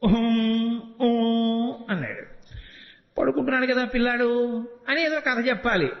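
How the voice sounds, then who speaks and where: An older man giving a devotional discourse, telling a story lively, acting out the dialogue and chanting verses. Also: very high-pitched, normal speed, creaky. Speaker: spiritual speaker. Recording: dull echoey hall recording.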